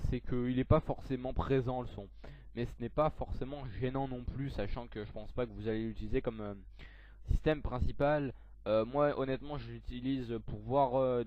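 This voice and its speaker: Hesitant young man, dull lo-fi mic. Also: mid-range voice. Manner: hesitant, lots of fillers and self-corrections. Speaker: tech tutorial youtuber. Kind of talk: screen-recorded software tutorial.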